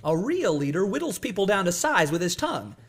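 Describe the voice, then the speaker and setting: Brash schemer with lively swoops. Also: female voice, mid-range voice, fairly quick, husky. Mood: instructing. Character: brash scheming mentor, bossy, cynical, folksy. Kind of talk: children's cartoon audio adventure.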